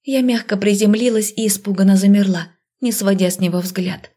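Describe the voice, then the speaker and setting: A woman reading a first-person novel aloud with lively storytelling. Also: medium pitch, fairly quick. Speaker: audiobook narrator. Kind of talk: first-person audiobook narration.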